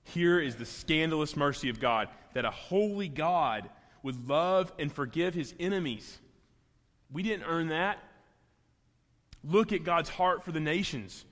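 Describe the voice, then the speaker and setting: A man's voice: on the high side, animated, measured pace, fairly bright tone. A man giving an earnest sermon, sometimes acting out biblical figures, with small restarts as he goes. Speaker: pastor. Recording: long reverb of a large hall.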